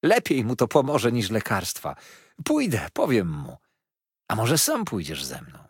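A warm, motherly old housekeeper cries out in tearful delight, voiced by a man reading the story aloud. Her exclamations come slowly and with swooping emphasis. The voice is a bit husky and sits dry and close to the mic. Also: fairly low pitch, wildly swooping pitch, no room sound, full character voice. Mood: overjoyed, tearful. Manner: exclaiming, choked with emotion. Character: tearful joyful older housekeeper woman, motherly.

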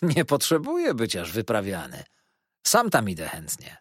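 A man voicing a kindly, good-humored fisherman who soothes with calm, unhurried words. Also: on the low side, husky, dry recording, studio quality, full character voice. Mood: soothing. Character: kindly gruff fisherman, middle-aged man.

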